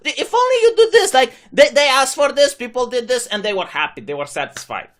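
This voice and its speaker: A man's voice: very high-pitched, big pitch swings, brisk, a bit bright. A young man from Romania, a channel host, giving sarcastic opinion commentary. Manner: sarcastic, mocking imitations of critics.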